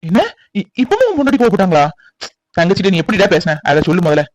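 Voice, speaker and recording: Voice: mid-range voice, sing-song, fast talker, darkish tone, no room sound, lightly acted. A cartoon performer voicing a scheming young man who bossily coaches his friend on what to say. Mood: probing. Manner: bossy, coaching. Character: scheming know-it-all male friend. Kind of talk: cartoon voice acting.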